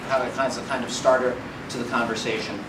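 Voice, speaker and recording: Man, halting moderator, mid-pitched voice, distant mic, roomy hall, loud background noise. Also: level tone. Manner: halting, many fillers and restarts. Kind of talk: hesitant panel moderating. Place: meeting room at a conference.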